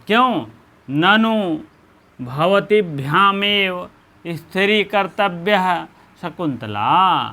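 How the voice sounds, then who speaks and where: Slow, high-voiced male Sanskrit teacher. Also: fairly bright tone. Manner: repeats phrases slowly, drawn-out stresses. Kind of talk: exam-prep lecture explaining a Sanskrit play.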